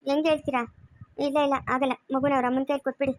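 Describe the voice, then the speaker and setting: A woman acting a stern, sharp-tongued lady of the house who refuses to hand over the baby, with a Chikkaballapur Kannada accent, in an amateur family drama. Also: high voice, little pitch movement, rapid-fire, lightly acted. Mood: scolding. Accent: Kannada of Chikkaballapur area. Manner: scolding, commanding, sharp-tongued.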